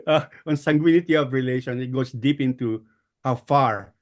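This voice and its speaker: Filipino male guest speaker, average pitch, explanatory delivery with frequent pauses and repeated words. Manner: hesitant, pausing and repeating words. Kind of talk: explanatory political talk. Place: online group call.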